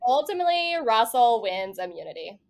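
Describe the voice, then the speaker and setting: A woman co-hosting a podcast, casually recapping a reality show episode with swearing and lively quoted voices. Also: a little high, brisk, vocal fry. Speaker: podcast co-host.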